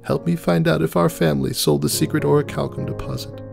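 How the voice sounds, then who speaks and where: A man voicing a grieving young female pony in a high, strained falsetto, tearful and pleading, in a fan fiction reading. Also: steady tone, fast, gravelly, over music.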